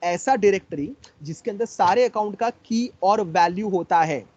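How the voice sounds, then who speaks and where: A man's voice: high-pitched, darkish tone, husky. A man teaching a lecture class, explaining step by step, repeating key terms and promising to quiz his students later. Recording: dull lo-fi recording.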